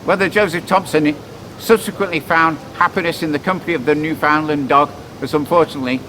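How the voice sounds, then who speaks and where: A man with a slightly high voice narrates history as a guide. He is measured and articulate, presenting old accounts to listeners. Clear street noise runs behind him outdoors. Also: fairly even intonation, pushed and bright, poor audio.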